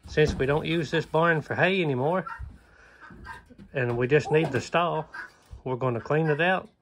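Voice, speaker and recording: A homesteader vlogger walks viewers through his open wooden barn, filming on a phone held at arm's length. He's easygoing and plainspoken, with lots of "uh" fillers, and his voice is a little high, unhurried and fairly bright. A little hiss or hum is audible.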